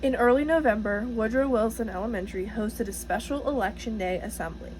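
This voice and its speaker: Higher-voiced woman reading to children. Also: brisk, darkish tone, a little hiss or hum, rough recording. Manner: encouraging, teacherly, addressing kids directly. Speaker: storybook reader for children, student teacher. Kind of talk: children's read-aloud with questions to the listeners.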